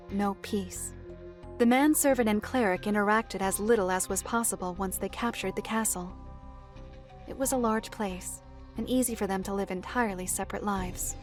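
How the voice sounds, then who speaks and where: A woman plays a solemn storyteller recounting dark fantasy lore in a natural, middle-pitched voice. Her delivery is formal and measured, like scripted visual novel narration, with faint music beneath it.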